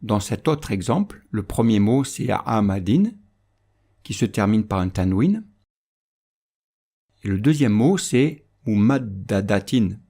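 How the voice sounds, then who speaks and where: Slow, mellow-voiced man teaching. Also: lowish voice, lively intonation, creaky, breathy edge. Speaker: Quran recitation teacher. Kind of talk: instructional voice-over lesson.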